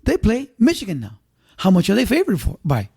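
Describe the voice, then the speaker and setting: A man's voice: high voice, huge pitch swings, brisk, vocal fry, mellow, breathy edge. A man co-hosting a sports podcast, talking emphatically and repeating his points in casual chat. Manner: emphatic, repeats himself, betting talk. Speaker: podcast co-host.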